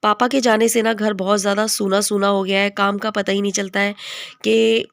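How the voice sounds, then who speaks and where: A woman in her thirties from India talks to her viewers in a homely, chatty way, her voice hoarse from a cold. Her pitch stays flat and even, sitting in a middle range. The sound is dry and close, with no room echo. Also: moderate pace. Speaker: vlogger. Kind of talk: casual home vlog narration. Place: home.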